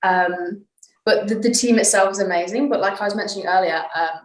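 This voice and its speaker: A young woman footballer from England's East Midlands chats casually as a guest on a video call, laughing often and saying "um" a lot. Her medium-pitched voice moves a little fast, and the audio is poor with a roomy sound.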